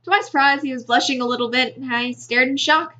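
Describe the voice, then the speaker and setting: Bright, high-voiced woman reading a game. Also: fast. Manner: expressive, laughs often, stumbles over words. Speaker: gamer narrating a visual novel. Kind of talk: reading a visual novel aloud with asides.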